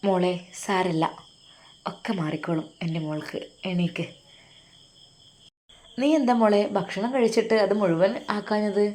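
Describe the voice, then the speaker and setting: Mother figure read by a woman narrator: middle-aged, doting, emotional, mellow voice. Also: medium pitch, steady tone, measured pace, pauses often, natural voice. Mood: fussing. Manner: doting, fussing, tearful.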